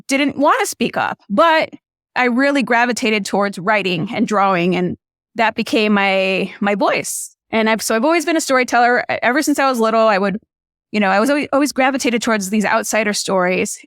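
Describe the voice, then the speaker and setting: Her speech slightly fast and her medium-pitched voice a bit bright, a Spanish-first-language filmmaker from Illinois, USA, shares casual conversational stories as a guest, peppering them with "you know" and "like." The audio is clean studio sound with no room sound.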